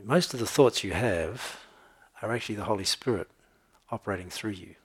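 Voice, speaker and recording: Male pastor, low husky voice, relaxed conversational preaching with humor. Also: fairly quick. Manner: conversational, tells jokes and laughs, checks in with "okay?". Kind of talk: sermon.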